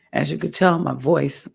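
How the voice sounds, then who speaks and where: A woman vlogger recovering from a stroke gives her audience a candid personal update in an audio-only home recording. Hoarse and strained, her deeply raspy, gravelly, husky voice moves slowly and haltingly, and she often pauses to clear her throat.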